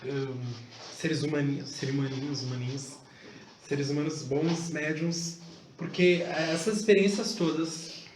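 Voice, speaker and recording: Male teacher addressing a class, halting delivery; echoey room, faint background noise. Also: a little high, fairly even intonation. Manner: halting, searching for words. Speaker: course teacher. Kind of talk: classroom talk.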